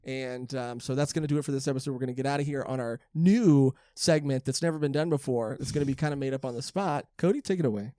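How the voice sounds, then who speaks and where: A man's voice: medium pitch, fast talker, few pauses, mellow, no room sound, clean studio sound. A man hosting a casual podcast, rambling with lots of fillers as he thanks listeners. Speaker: podcast host.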